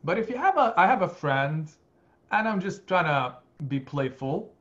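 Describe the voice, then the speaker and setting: A man in his forties guides an online study session from his home office, speaking earnestly and gently while weaving in Arabic religious phrases. His voice sits on the high side for a man. The webcam audio comes through dull and muffled. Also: big pitch swings, moderate pace. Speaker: imam teaching a study circle. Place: home study with lamp and bookshelf. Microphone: video call webcam.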